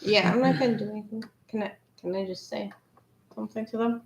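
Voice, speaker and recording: A woman's voice: mid-range voice, steady tone, fast talker. A woman playing a tabletop game, chatting casually with the group. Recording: echoey room, faint background noise.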